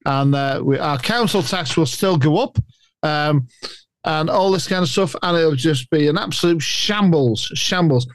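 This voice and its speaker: A man's voice: on the high side, unhurried, no echo. A man co-hosting a chat show, grumbling sarcastically in a casual way. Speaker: podcast co-host.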